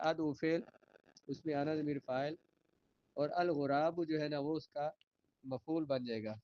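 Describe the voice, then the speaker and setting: A man teaching an Arabic grammar lesson, reading each sentence slowly and then translating and explaining it. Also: a little high, a little mellow, dull audio.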